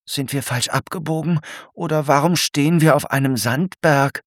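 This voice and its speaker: A man's voice: on the high side, normal speed, no echo, studio quality, pitched above the performer's own voice, lightly acted. A man voicing a small, curious and proud female snail in a storybook, full of questions and easily amazed. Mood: puzzled. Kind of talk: storybook character voice.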